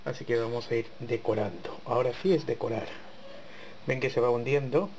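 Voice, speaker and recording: A man hosting a home cooking channel walks viewers through a dessert step by step in his kitchen, chatting to them as he works in a casual tutorial. His voice is mid-range and darkish with fairly even intonation, he talks a little fast, and there's a bit of hiss or hum.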